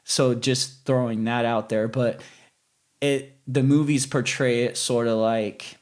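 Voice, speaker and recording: A man's voice: medium pitch, steady tone, slow. A man speaking candidly and reflectively as a guest in a casual conversational interview.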